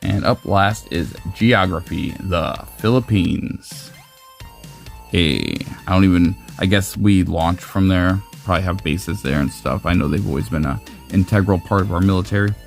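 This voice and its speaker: A man's voice: deep voice, normal speed, vocal fry, faint music behind. A man in his forties from the United States, casually commenting while opening trading cards, joking, rambling and swearing freely. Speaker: card-collecting channel host.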